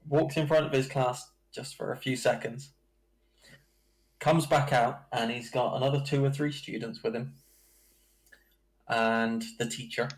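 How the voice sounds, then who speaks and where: Man, dungeon master, slow halting narration, gravelly fry. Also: medium pitch, fairly even intonation, rough recording. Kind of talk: narrating a tabletop game.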